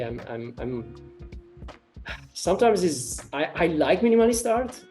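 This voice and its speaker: Faint music plays beneath a Romanian artist and ecology researcher as he responds to interview questions at a middle pitch, warm and relaxed. He goes slowly and hesitantly, with many ums, fillers and repeated starts.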